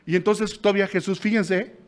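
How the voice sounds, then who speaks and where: A male pastor with a Mexican accent teaching a Bible study in an animated, colloquial way. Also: sits high, brisk. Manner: animated, uses colloquial slang, acts out quotes.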